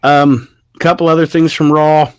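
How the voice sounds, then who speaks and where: A man's voice: on the high side, flat delivery, measured pace, smooth, dry recording. A man co-hosting a podcast in casual, opinionated chat, reading viewer comments aloud. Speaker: podcast co-host.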